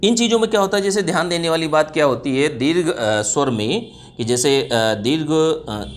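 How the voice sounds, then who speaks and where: A man's voice: on the high side, animated, moderate pace, a little hiss or hum. A man giving an exam-prep Hindi grammar lesson, explaining step by step, repeating himself, asking students questions and stretching out example sounds.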